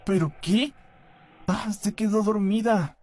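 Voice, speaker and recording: A performer voicing a gentle, soft-spoken male puppet in a fan dub, talking in a slow, soothing way. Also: mid-range voice.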